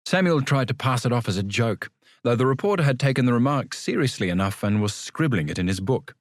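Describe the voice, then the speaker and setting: A man's voice: medium pitch, expressive, a little fast, no echo. A man reading a literary story as a scripted audiobook narration.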